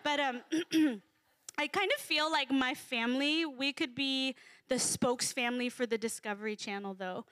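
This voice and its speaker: A woman's voice: sits high, moderate pace, fairly bright tone, clean tone, dry recording, studio quality. A woman in her thirties giving a casual, humorous sermon to a congregation, chatty and full of fillers. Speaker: speaker at a church gathering.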